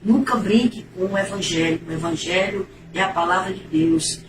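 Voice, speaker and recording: A woman's voice: on the low side, normal speed. A middle-aged woman, giving an emotional, repetitive religious testimony in a preacher-like manner. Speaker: testimony giver. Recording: echoey, distant, noisy.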